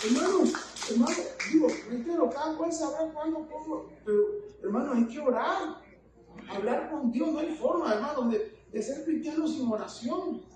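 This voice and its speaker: A woman's voice: sits high, normal speed. A woman preacher delivering a fervent sermon who keeps calling her listeners "hermano". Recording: echoey hall, distant mic, faint noise.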